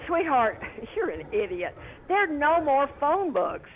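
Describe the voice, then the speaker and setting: A woman's voice: sits high, big pitch swings, a little slow, slight background noise. An angry woman in her eighties scolding a prank caller over the phone from her home, indignant and agitated. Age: 80s. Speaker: prank call target. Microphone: telephone. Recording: tinny phone line.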